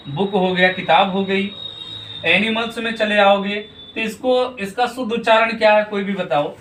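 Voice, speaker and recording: A man's voice: high voice, fairly bright tone, far from the mic. Man, grammar teacher, video lesson, asks and answers his own questions, mic set back in an echoey room. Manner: repeats questions to students and answers them himself; checks in often with "theek hai na". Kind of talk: classroom-style video lesson.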